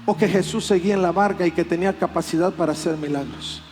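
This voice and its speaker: A man preaching a sermon as pastor, animated and acting out plaintive voices. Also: high voice, fast talker, faint music behind. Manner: animated, acts out voices of complaint.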